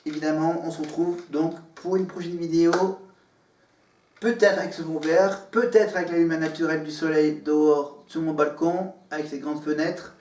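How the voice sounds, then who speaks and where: A man's voice: fairly high pitch, fairly even intonation, moderate pace, darkish tone, a little hiss or hum. A man vlogging from his living room, talking to the camera in a meandering way with many fillers and restarts. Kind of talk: rambling casual monologue to camera. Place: living room at home, in front of a green screen. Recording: echoey room, far from the mic.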